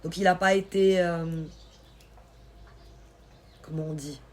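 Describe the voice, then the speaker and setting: A woman from Switzerland with a light Swiss French accent, hosting a live stream and chatting casually with viewers in a teasing, quick-witted way. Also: fairly low pitch, fairly even intonation, a little mellow. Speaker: livestream host. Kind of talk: casual live-stream chat reading comments.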